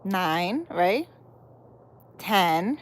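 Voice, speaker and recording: Speaking extremely slowly with big swings in pitch, a woman of medium pitch chats casually on her live stream. She's a Dominican spiritual healer who laughs often and weaves Spanish words into the conversation.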